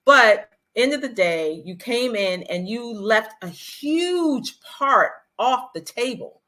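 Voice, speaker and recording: A woman hosts a casual podcast chat with a bright, forceful voice. She talks animatedly and often jumps her voice up to act out what people said. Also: on the high side, slow. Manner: animated, acts out quotes in a raised voice. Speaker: podcast host. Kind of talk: casual chat about a reality show.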